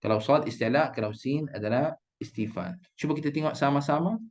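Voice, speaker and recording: A man's voice: fairly high pitch, darkish tone. Patient man teaching recitation. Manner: patient, repeats letters slowly for drilling. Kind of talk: online tajwid lesson.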